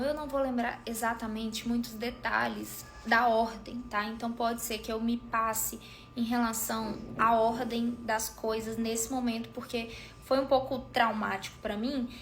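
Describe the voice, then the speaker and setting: A woman telling a personal story in a storytime video, animated as she recounts a family argument. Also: on the high side, moderate pace, a little hiss or hum.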